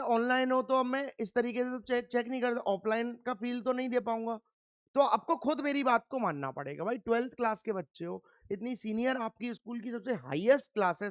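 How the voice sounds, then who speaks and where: A man's voice: very high voice, no room sound, clean studio sound. A man teaching a chemistry lecture, firmly drilling students by asking questions and answering them himself. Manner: firm, scolding reminders to pay attention. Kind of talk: classroom lecture.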